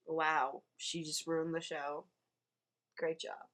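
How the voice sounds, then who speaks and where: A teenage girl co-hosting a casual podcast chat, loud, blunt and teasing. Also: low-pitched, little pitch movement, slow pace. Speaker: podcast co-host.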